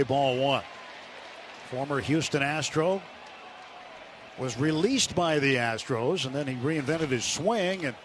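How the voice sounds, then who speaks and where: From a stadium broadcast booth, a higher-voiced man delivers live radio commentary on a baseball game. The broadcast sounds like a noisy outdoor ballpark, with loud crowd ambience all around.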